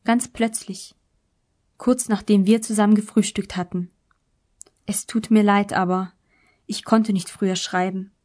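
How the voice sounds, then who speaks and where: A woman reads the part of a gentle grieving woman whose words come soft and plain. The pitch stays mid-range, the audiobook reading kept quiet and calm. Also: unhurried, long pauses, close to an everyday voice. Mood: sad.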